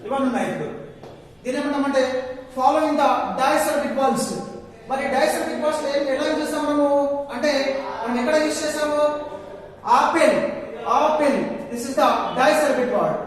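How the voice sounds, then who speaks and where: A man with a Telugu accent teaching an English class, repeating and stretching words slowly and switching between English and Telugu. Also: very high-pitched. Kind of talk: classroom lesson. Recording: very echoey classroom, distant mic, long reverb.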